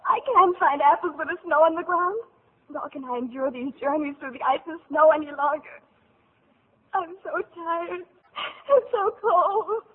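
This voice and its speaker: A woman's voice: high voice, fairly quick, close to an everyday voice. Marushka, a woman voicing a tearful young girl. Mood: weary. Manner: pleading, tearful. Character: sweet, frail young girl, weary and cold. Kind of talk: 1940s radio acting. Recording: tinny old radio broadcast.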